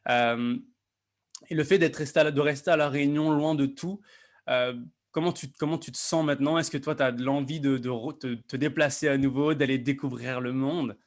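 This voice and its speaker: A man's voice: mid-range voice, fairly even intonation, fairly quick. A man hosting a live online interview, upbeat and chatty, with many restarts. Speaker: host.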